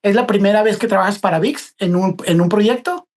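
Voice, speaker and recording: A man's voice: high-pitched, a little fast. A man with a Mexican accent hosting an interview, chatty and repeating himself as he builds each question. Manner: chatty, warm slang, repeats words as he asks. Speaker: interviewer, host.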